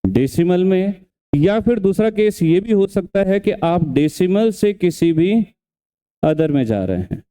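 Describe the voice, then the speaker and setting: A man's voice: high-pitched, lively intonation, a little slow, mellow, clean tone. A man teaching an exam revision class, who keeps quizzing and scolding his students and repeats each step. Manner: questioning, scolding, repeats steps.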